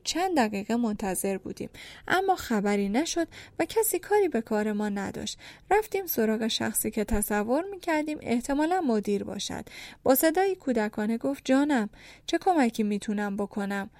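A woman's voice: on the high side, very animated, a little mellow, no room sound. A woman reading a humorous first-person story in a dry, wry storytelling manner. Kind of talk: scripted humorous narration.

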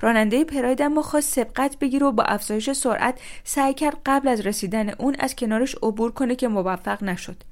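A woman's voice: a little high, pitched above the performer's own voice, lightly acted. A woman voicing a female eyewitness who speaks firmly and decisively in a read-aloud story. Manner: firm and decisive. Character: firm, precise female eyewitness.

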